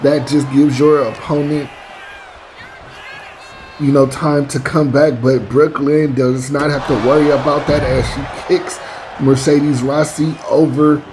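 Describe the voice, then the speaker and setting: Calling wrestling action in a video game, this man addresses his audience in announcer fashion, full of stock exclamations. He speaks on the high side with a flat, measured delivery, and background noise is clearly audible.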